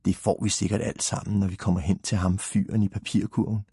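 A man voicing an eager, curious little boy in a storybook reading, with a husky voice and lively exclamations. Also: low voice, dry recording, studio quality, heavily acted.

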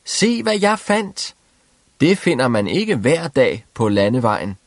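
A man voicing a cheerful, simple-minded young peasant who shouts merrily. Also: medium pitch, very animated, no echo, studio quality, voice pushed up. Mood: exuberant.

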